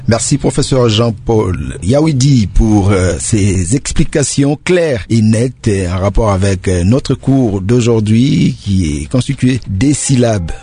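Male presenter, dark and husky tone, hesitant and halting as he introduces guests. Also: lowish voice, expressive, no echo. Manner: hesitant, frequent fillers between phrases. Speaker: broadcast host. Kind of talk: hosting an educational broadcast.

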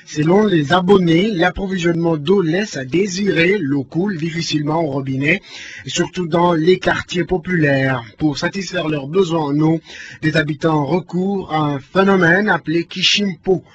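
A man's voice: fairly high pitch, normal speed. A man presenting the radio news, reading formally and then questioning a correspondent, stumbling a little in live questions. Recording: dull lo-fi broadcast with faint noise.

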